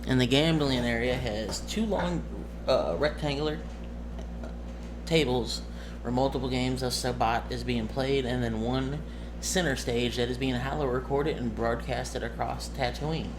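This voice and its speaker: A man in the game master role explains a tabletop scene in a relaxed, explanatory manner. His delivery stumbles, with frequent self-corrections. There is noticeable noise on the recording, and his voice is of average pitch.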